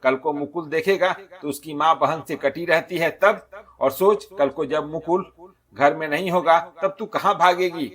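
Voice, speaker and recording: A man's voice: on the high side, normal speed, voice pushed up, natural voice. A man voicing a caring young married woman who earnestly advises her friend like an elder sister, in a storybook narration. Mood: advising. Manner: earnest, persuading, gently scolding.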